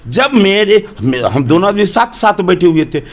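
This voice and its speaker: A man's voice: high voice, very animated, normal speed. A man, a politician from Bihar, answering interview questions in an emphatic, argumentative way full of rhetorical questions.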